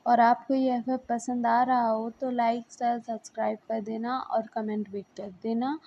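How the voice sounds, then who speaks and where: A woman's voice: on the high side, little pitch movement, moderate pace, a little hiss or hum. A woman casually retelling a fan-fiction story in a chatty way, with many fillers. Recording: muffled lo-fi recording.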